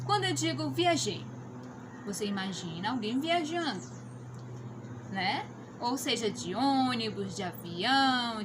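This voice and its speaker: A woman's voice: on the high side, noisy background. A woman teaching a lesson to children, explaining patiently and checking in with them often. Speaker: schoolteacher.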